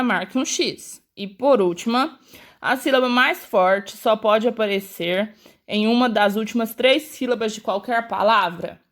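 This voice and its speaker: A woman's voice: medium pitch, fairly bright tone. A woman teacher with a Brazilian accent, patiently taking young pupils through a school worksheet step by step and talking to them directly. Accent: Brazilian Portuguese. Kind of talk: explaining a school worksheet to children.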